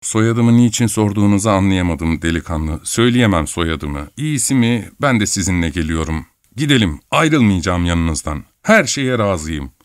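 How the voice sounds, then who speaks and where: A man's voice: low-pitched, animated, clear, resonant tone, no room sound, studio quality. A man doing a fussy older man in a fur coat. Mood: fussy pleading. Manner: pleading, fussy, drawn-out. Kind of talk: audiobook reading.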